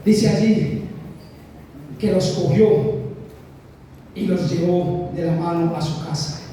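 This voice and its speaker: A man's voice: high voice, slow, warm tone, slight background noise. A Colombian man preaching a sermon, emphatic and repetitive, often calling out directly to the congregation. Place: large church hall. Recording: echoey church hall from a distance.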